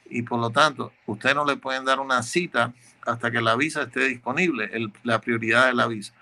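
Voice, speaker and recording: This immigration lawyer speaks a little fast in a medium-pitched voice that's pushed and bright, with fairly even intonation. He answers legal questions step by step, explaining as he goes and repeating words as he searches for the right one.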